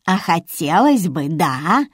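A woman reading aloud as a snide, scolding old woman who speaks slowly. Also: fairly low pitch, expressive, dry recording, studio quality.

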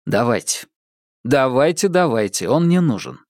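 In an audiobook, a man voices a calm, ironic young male detective whose manner is dry, teasing, and unhurried, with a wry mood. His voice is medium-pitched and natural, recorded with no room sound.

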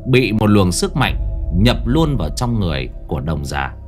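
A man's voice: lowish voice, normal speed, faint music behind. A man narrating a ghost story in a dramatic storytelling manner. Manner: dramatic, animated.

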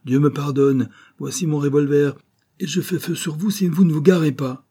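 A man reading an audiobook voices a tall, grumpy old animal-stuffer who shouts threats from a window, then chatters fussily to his guest. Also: medium pitch, a little fast, slightly rough, voice pushed up, natural voice. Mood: angry shouting.

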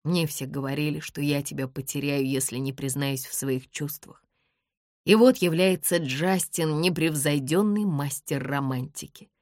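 A woman voicing a shy, gentle adult man in an audiobook, speaking lower than her own voice, earnest and soft. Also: moderate pace, no room sound, studio quality, close to an everyday voice. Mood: tender. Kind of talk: audiobook character voice.

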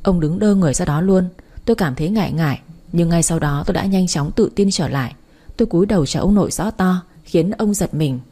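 A woman narrating a first-person story aloud in an even storytelling manner. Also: fairly low pitch, a little fast, slightly rough.

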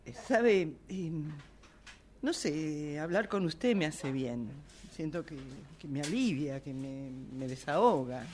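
A woman plays an impulsive, emotional Argentine woman with a hot temper in an amateur radio drama, haltingly justifying her outbursts and repeating herself when flustered. The mood here is soothed and sheepish, her low, darkish voice lively in intonation, with a little hiss or hum.

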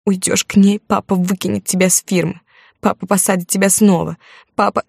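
Woman voicing a shrill hysterical young wife. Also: little pitch movement, brisk, vocal fry, a little mellow, husky, dry recording, clean studio sound. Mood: furious.

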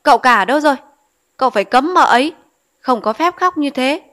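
A woman's voice: on the high side, lively intonation, fairly bright tone. Woman playing a bossy old mother-in-law. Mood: furious. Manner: scolding, hurried, fussing. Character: strict old mother-in-law, anxious and domineering.

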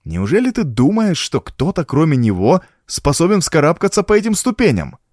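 A man's voice: fairly high pitch, very animated, normal speed, a little mellow, dry recording, studio quality, voice pushed up. A man voicing a cool-headed male pirate officer in an audiobook, terse and commanding. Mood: planning.

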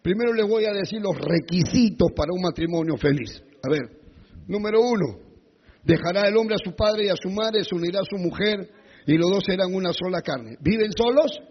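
A male pastor preaching a sermon with emphatic repetition and rhetorical questions, his voice gravelly and husky, in a dull recording with long reverb. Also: high voice, lively intonation, moderate pace, a little hiss or hum.

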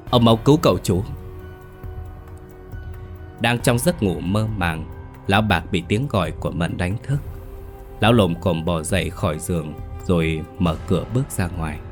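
A man with a very deep voice reads a scripted horror story. His delivery is measured and steady. Quiet background music sits faintly beneath the narration. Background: soft background music.

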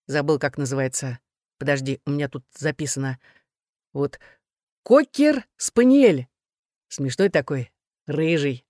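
A woman reading aloud, voicing a grumbling, placating middle-aged husband in a low, coaxing mutter. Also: animated, unhurried, pauses often, warm tone, no echo, studio quality.

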